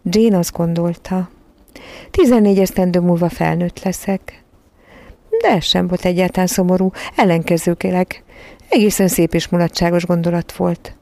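Gravelly low-voiced woman narrator. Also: steady tone, mellow, dry recording. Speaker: audiobook narrator. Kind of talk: scripted storybook narration.

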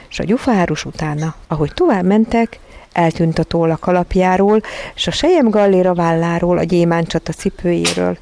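Gravelly storybook narrator. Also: mid-range voice, darkish tone. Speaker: audiobook narrator. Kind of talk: storybook reading for children.

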